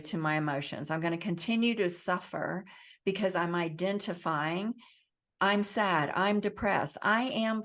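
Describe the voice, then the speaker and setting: A woman being interviewed as an author, talking earnestly in a coaching tone and acting out the voices she quotes. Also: fairly low pitch. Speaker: author, guest. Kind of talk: interview conversation. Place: based in the Southwest US.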